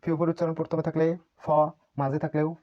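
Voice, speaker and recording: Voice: medium pitch, level tone, fast talker, lo-fi sound. A teacher gives an online language lesson, patiently repeating each sound many times as a drill.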